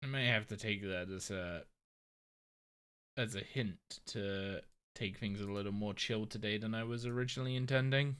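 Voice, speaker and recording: A man's voice: on the low side, normal speed, a bit bright, clean tone. A tired, yawning young man chatting casually on a live game stream, rambling and thinking aloud as he plays. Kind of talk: casual live-stream chat while playing.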